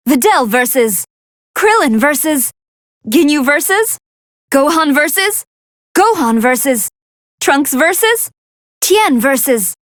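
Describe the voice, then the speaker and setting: A woman's voice: high-pitched, no echo, clean studio sound, heavily acted. A woman voicing a brainy female android scientist who gives articulate, analytical commentary on battles in a video game. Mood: announcing. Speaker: fight commentator.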